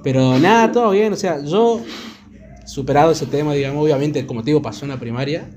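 A man's voice: a little high, fast talker, a little mellow. A young man from Argentina with a Córdoba accent, hosting a podcast and teasing his friend through laughter. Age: young adult. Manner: teasing, laughs while talking. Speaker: podcast host. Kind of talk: casual chat.

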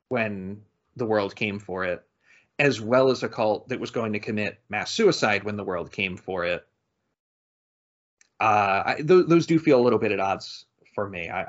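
Low-voiced hesitant man, lo-fi audio. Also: a bit bright. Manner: thoughtful, hesitant with many restarts. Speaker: podcast co-host. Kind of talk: casual discussion of a game. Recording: dull lo-fi audio.

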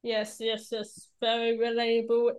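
A woman's voice: a little high, monotone, unhurried, a little mellow, clear, resonant tone, low-quality recording. A young woman hosting a podcast in casual conversation, rambling with lots of "like" and restarts. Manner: rambling, heavy use of "like" and restarts. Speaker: podcast host.

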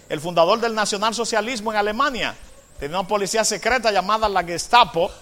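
A man preaching a sermon, moving between hushed asides and loud, drawn-out proclamations, often asking the congregation questions. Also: high voice. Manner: asks the congregation rhetorical questions. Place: church. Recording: long hall reverb.

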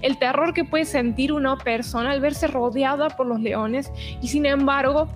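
High-voiced woman reading scripture slowly. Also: soft background music. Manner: reads slowly with small stumbles and restarts. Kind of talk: Bible teaching chat, reading scripture aloud.

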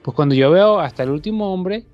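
A young Mexican man sharing a memory in relaxed, casual chat. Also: high-pitched, a little fast, no echo, muffled recording, soft background music.

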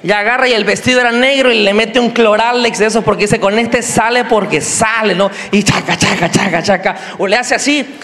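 A man with a Mexican Spanish accent preaching a sermon, animated and joking, sometimes squealing in a high put-on voice. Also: a little fast, a little hiss or hum. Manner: animated, jokey, acts out squealing characters in a high voice. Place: large church hall. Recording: long hall reverb.

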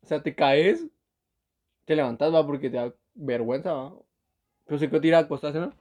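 A young man talks through a story in easygoing chat. His voice sits a little high but sounds mellow and warm, and he laughs often between lines. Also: a little fast. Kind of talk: casual chat.

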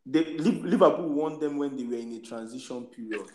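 Male football panelist, emphatic and repetitive in argument, mid-pitched, roomy echoey recording. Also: a little fast, darkish tone. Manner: emphatic, repeats his points. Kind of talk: casual sports debate.

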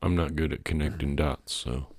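A man's voice: very deep voice, steady tone, moderate pace, husky. A man chatting casually as co-host of a podcast. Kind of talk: casual chat.

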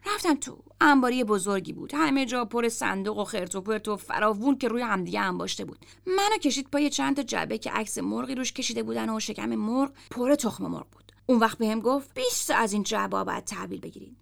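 A woman narrating a story aloud in the first person, steady and even. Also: on the high side, creaky, few pauses. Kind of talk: audiobook narration.

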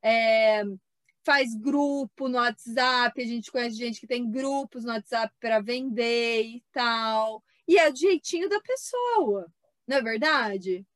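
A Brazilian woman co-hosting a podcast in casual chat, lively and acting out quotes from artisans. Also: a little high, takes it slowly, no room sound. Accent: Brazilian Portuguese. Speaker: podcast co-host.

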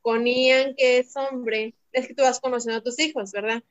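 A woman's voice: on the high side, steady tone, moderate pace. Lady teacher chatting on a podcast, tells stories, little laughs, kinda muffled sound. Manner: talkative, tells anecdotes, laughs lightly while speaking. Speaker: podcast guest, teacher and mother. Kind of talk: casual conversation. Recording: dull lo-fi audio.

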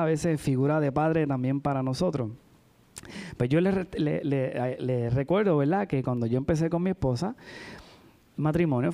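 This preacher's voice is fairly high and mellow. In his church sermon he shares personal stories conversationally, speaking directly to the congregation and frequently tossing in "¿verdad?"

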